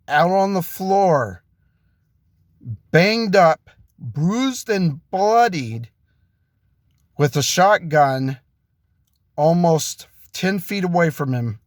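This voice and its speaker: A man narrating an improvised story in a slow, unhurried way, a bit higher pitched than most men. He halts and restarts as he goes, and the sound is dry and close. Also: no echo. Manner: slow, halting delivery with restarts.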